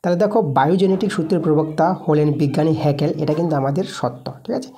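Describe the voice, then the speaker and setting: Low mellow woman teacher doing exam prep, repeats terms, quizzes herself out loud. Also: rapid-fire. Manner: repeats key terms and answers her own questions. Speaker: school science teacher.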